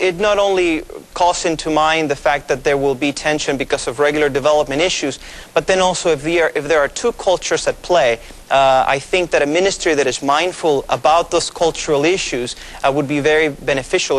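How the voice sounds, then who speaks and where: A pastor in his thirties from Mexico, speaking Spanish as his native tongue, is interviewed as a guest in a TV studio, explaining calmly with many fillers. His pitch is fairly high.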